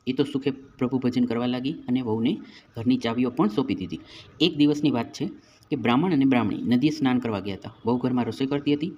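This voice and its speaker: Man calmly narrating a devotional tale. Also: medium pitch, fast, lo-fi sound, a little hiss or hum. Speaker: storyteller.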